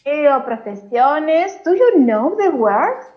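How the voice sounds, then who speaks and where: Lively Argentine woman teaching English. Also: sits high, slow, highs cut off. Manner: patient explaining, frequent laughter. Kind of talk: casual podcast lesson.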